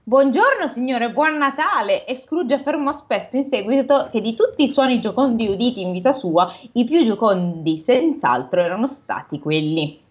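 A woman hosting a casual chat, retelling a classic novel and reading passages aloud in a lively, joking manner. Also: fairly high pitch, moderate pace, few pauses. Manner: lively, chatty, breaks off to joke. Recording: dull lo-fi recording.

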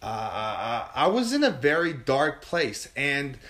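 A man guest in an interview telling a candid personal story, animated and emotional, often restarting and repeating words. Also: mid-range voice, a little slow. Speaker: podcast guest.

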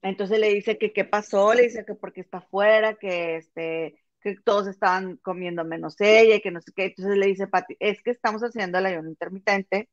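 A woman's voice: mid-range voice, fairly even intonation, moderate pace, hardly any pauses, no echo, muffled recording. A woman telling a story in a casual gossip chat with her friend, calling her comadre.

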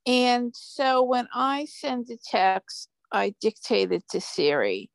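A woman's voice: on the high side, very animated, slow pace, vocal fry, dry recording. A woman with a Brooklyn accent talks casually in a group discussion, telling her story in a wry, joking way. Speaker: caller asking a question.

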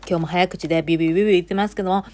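Kansai woman, solo audio host, rapid rambling chat, lower pitch. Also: fairly even intonation, background noise. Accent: Kansai Japanese. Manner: rambling and chatty, many fillers and asides. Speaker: podcast host.

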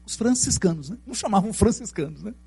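A middle-aged Brazilian man with a Brazilian Portuguese accent giving a spiritist lecture, telling stories in an animated way and asking the audience questions. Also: high-pitched, fast, creaky, slightly rough. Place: lecture hall.

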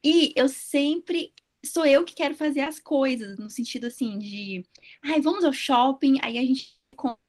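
A woman's voice: high-pitched, fairly even intonation, a little slow. A woman chatting casually about her toddler, eager and self-deprecating as she tells her stories. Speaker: mother of a toddler. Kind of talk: casual chat.

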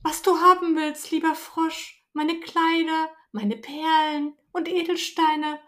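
A tearful young princess from a storybook, her voice pitched up and eager as she pleads and promises, as a woman reads her part. It sounds high and urgent. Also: fairly even intonation, slow pace, fairly bright tone. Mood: pleading.

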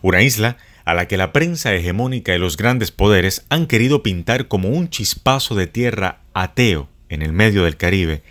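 Low-voiced man reading a show intro. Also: moderate pace, few pauses. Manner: steady, read-out delivery. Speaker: show announcer. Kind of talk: scripted narration.

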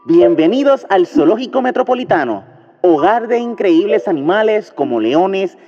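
Man acting a showy, high-pitched old radio serial announcer. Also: very animated, moderate pace, dark tone, dull audio. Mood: grand, showy. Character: showy male zoo announcer welcoming visitors.

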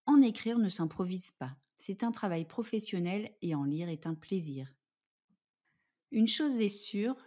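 A woman podcast host reading a scripted narration in a measured, composed and careful way. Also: medium pitch, mellow.

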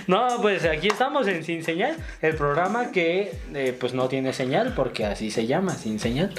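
A man's voice: on the high side, lively intonation, normal speed. Mexican man joking in comedy banter. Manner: joking interjections, mock-formal asides. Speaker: comedy podcast co-host.

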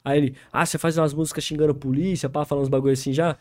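A man's voice: a little high, flat delivery, rapid-fire, a little mellow, no echo. A young man with a São Paulo accent, a rapper guest telling a long story in casual, slang-heavy talk, laughing and acting out other people's lines. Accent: São Paulo Brazilian Portuguese. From interior of São Paulo state, Brazil.

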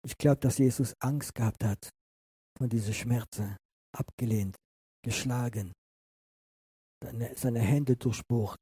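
A man's voice: medium pitch, fairly even intonation, slow, long pauses, dark tone, breathy edge, dry recording. A male pastor giving an earnest, impassioned sermon that often turns to address the listeners directly.

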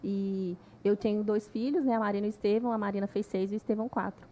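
A woman, soft-spoken and reflective in a casual podcast chat. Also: medium pitch, steady tone, fast talker. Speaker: podcast guest.

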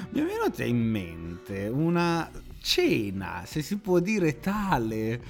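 A man hosting a podcast with a very lively, swooping voice and a teasing, theatrical way of telling stories. Faint music runs underneath him. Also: on the high side, takes it slowly. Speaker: podcast co-host. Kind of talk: casual chat.

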